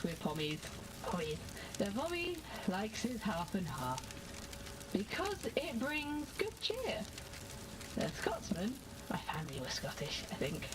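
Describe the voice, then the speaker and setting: Woman playing a tipsy lady slurring out toasts, sing-song and slow, noisy hiss behind. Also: sits high. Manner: slow, wandering, sentimental, with mumbled asides. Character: tipsy, rambling woman giving drinking toasts.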